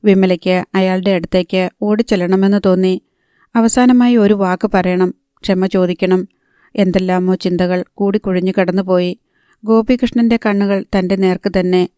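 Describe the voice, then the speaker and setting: Mellow, even-voiced woman narrator. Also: mid-range voice, clean tone, no echo, clean studio sound. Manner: measured, steady reading. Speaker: audiobook narrator. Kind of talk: scripted narration.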